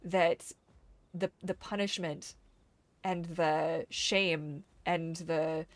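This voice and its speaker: A woman's voice: on the low side, steady tone, very slow, dry recording. A young woman streamer chatting casually and emotionally with her viewers, swearing freely and laughing often. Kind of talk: casual live-stream chat.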